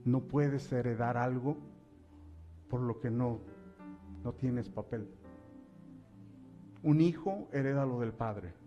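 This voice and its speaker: A man preaching a sermon as pastor, asking his listeners direct questions and building up to loud, emphatic passages. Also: takes it slowly, long pauses, highs cut off, soft background music. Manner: rises to loud, high-pitched preaching at climaxes.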